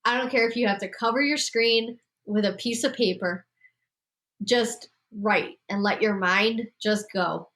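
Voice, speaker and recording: A woman who hosts a podcast and coaches writers speaks to a group in a congested voice that sits on the high side, a little slow and fairly bright. Her writing advice is casual and emphatic, and she laughs often.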